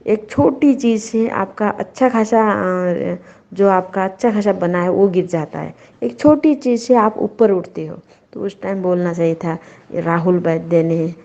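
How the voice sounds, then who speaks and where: A woman, talking slowly and bluntly about a reality show, scolding and stopping to restart her sentences. Her voice is dark and mellow. The recording is dull and lo-fi. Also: mid-range voice. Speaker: show reviewer. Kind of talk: casual opinion chat.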